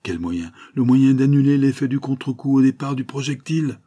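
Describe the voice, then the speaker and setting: A man doing an excitable, absorbed scientist. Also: low voice, normal speed, breathy edge. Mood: excited. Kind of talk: audiobook character reading.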